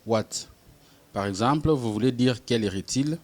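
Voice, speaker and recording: A man giving a language lesson, slowly repeating each example phrase with care. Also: medium pitch. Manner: slow, careful repetition of example phrases. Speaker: English teacher.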